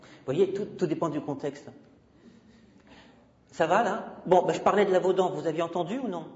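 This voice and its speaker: A high-pitched man with a darkish tone lectures at a moderate pace as a university guest speaker. Handheld mic in hand, he's emphatic and digressive, talking openly with listeners. It's a dull lo-fi recording carrying a long hall reverb.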